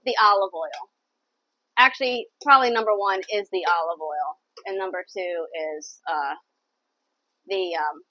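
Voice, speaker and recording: A woman's voice: medium pitch, dry recording, lo-fi sound. Chatty woman hosting a cooking show. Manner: chatty, enthusiastic, repeats herself. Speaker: cooking channel host. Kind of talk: casual live cooking chat. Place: home kitchen.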